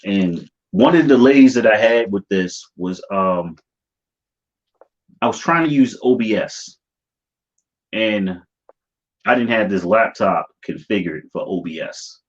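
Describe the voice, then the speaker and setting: A low male voice with an American accent, coming through slightly dull stream audio. He hosts in a loose, slangy way, talking informally to his viewers as if among friends. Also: animated, a little slow, long pauses. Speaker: livestream host of a YouTube channel. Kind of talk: casual livestream chat.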